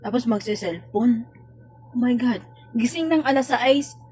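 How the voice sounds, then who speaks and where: A woman's voice: on the high side, a little slow, husky. A Filipina woman, a domestic worker, venting about a coworker in a casual, exasperated vlog rant. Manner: exasperated, complaining, animated retelling.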